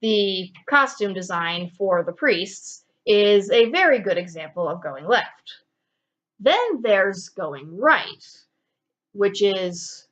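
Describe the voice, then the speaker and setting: A woman co-hosting a casual film review, animated with playful asides, in a dull lo-fi recording. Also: mid-range voice.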